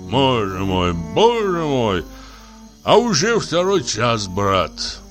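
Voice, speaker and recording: A man's voice: on the low side, big pitch swings, takes it slowly, fairly bright tone, soft background music, pitched above the performer's own voice, exaggerated voice. A man reading an audiobook voices a huge middle-aged man woken at night, sighing and breathing heavily. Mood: sleepy, grumbling. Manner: sighing, groaning, heavy breathing.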